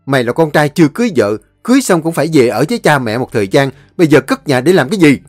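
A man voicing a domineering older brother who shouts harshly. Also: medium pitch, very animated, fairly quick, no room sound, soft background music. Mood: furious.

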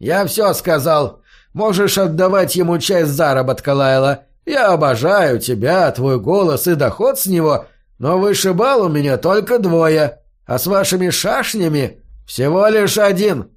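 A man's voice: a little high, lively intonation, unhurried, pitched above the performer's own voice. A man voicing a short, balding, hot-tempered male innkeeper who barks and scolds. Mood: stern. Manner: barking, scolding.

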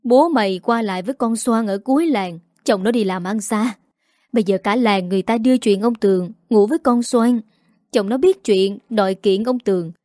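A woman's voice: mid-range voice, moderate pace, dark tone, no room sound, close to an everyday voice. Woman reading older mom from the village, bitter, wailing, scolds hard, dry close sound. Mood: lamenting. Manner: wailing, scolding, harsh-tongued.

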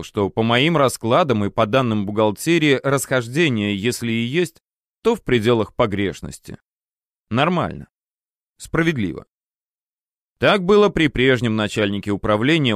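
A man reads a first-person story aloud in a measured, wry storytelling manner. His voice sits at an ordinary middle pitch. The sound is dry and close, with no room around it. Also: no room sound. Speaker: narrator.

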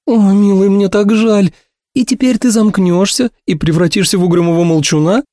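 A man's voice: steady tone, moderate pace, dark tone, no echo, clean studio sound, natural voice. A man voicing a chattering young woman in an audiobook, piercing and effusive, showering endearments. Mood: plaintive. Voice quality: piercing shrill voice. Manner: effusive, sprinkles every phrase with endearments. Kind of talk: audiobook character voice.

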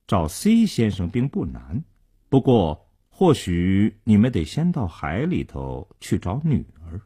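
A man playing a cold, menacing male gangster who collects debts, speaking low and quietly. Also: huge pitch swings, unhurried, breathy edge, heavily acted.

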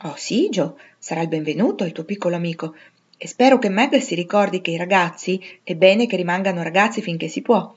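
A woman voicing a gentle, wise mother who explains things calmly. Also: on the low side, fairly quick, breathy edge, dull audio. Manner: calm, explanatory.

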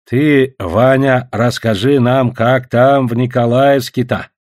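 A man voicing an old native elder who asks questions slowly in broken, pidgin-like speech. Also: mid-range voice, fairly even intonation, darkish tone, no echo, clean studio sound, natural voice. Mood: curious. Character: old native elder Khagota, slow and curious.

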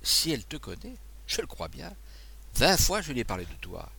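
A male reader as a kindly, excitable abbé; flustered, stammering, lively swings in pitch. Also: normal speed, gravelly, husky, heavily acted. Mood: chatty. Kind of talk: audiobook dialogue.

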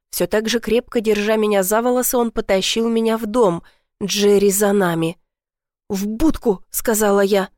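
A woman narrating a first-person story in an earnest, steady storytelling manner. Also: on the high side, no echo, studio quality.

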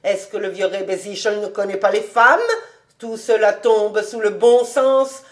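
A woman reading aloud, voicing an excitable old male rabbi with loud, high, emphatic exclamations. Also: close to an everyday voice. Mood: excited, coaxing. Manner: emphatic, slow, coaxing.

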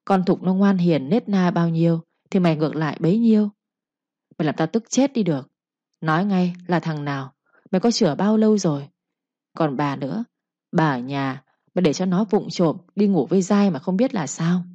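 Ông Thản rages at home, harsh and scolding, a mellow warm tone on a dull lo-fi recording, as a woman narrator acts him out. He is an angry strict village father, middle-aged and quick to shout. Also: on the low side, no echo, close to an everyday voice. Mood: furious.

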